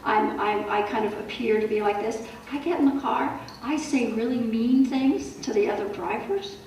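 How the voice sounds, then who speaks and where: A middle-aged woman giving a wellness talk to a support group, telling stories in a lively way with animated asides. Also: a little high, normal speed. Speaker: wellness speaker. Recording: roomy hall, voice from far off, faint noise.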